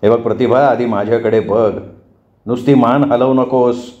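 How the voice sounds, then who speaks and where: Guy doing a strict dad grilling his daughter, slow, holds his temper, mellow voice. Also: mid-range voice, fairly even intonation, lightly acted. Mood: pressing. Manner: slow, controlled, probing questions. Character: stern but restrained middle-aged father. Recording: roomy, dull lo-fi recording.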